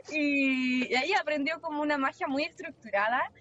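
A woman's voice: high voice, moderate pace, a bit bright. A woman, chatting casually as a podcast co-host about a book, laughing often and restarting her sentences. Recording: muffled lo-fi with faint noise.

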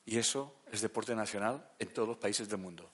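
Speaking a little fast in a husky voice, this man delivers a therapist's lecture like a conversation, repeatedly making sure listeners follow. He drops quiet and low before surging into loud emphasis.

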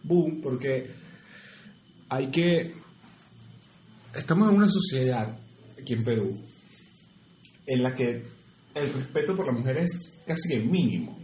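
A young man co-hosting a podcast, joking and swearing casually in quick bursts. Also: mid-range voice, expressive, darkish tone. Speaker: podcast co-host. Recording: echoey room with faint noise.

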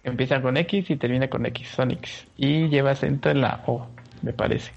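A man's voice: medium pitch, normal speed, gravelly, highs cut off. A man from Veracruz, co-hosting a gaming podcast in an easygoing, casual way. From Veracruz, Mexico. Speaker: podcast co-host.

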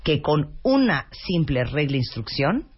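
Woman cohost, husky, lively voice, dull lo-fi sound. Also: deep voice, unhurried. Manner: lively, animated, reads listener comments. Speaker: radio co-host. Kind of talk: casual chat on parenting.

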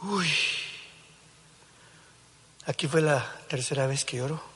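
A middle-aged male pastor, preaching a dramatic sermon that swings from hushed tones to shouts. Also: fairly high pitch, takes it slowly, husky. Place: large church hall. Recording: echoey church hall.

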